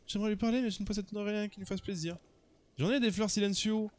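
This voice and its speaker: A man's voice: high-pitched, fairly even intonation, fast, slight background noise, pitched above the performer's own voice, close to an everyday voice. A man voicing a shy, lovestruck young man who is nervous and dreamy, reading the game dialogue aloud with earnest sighs.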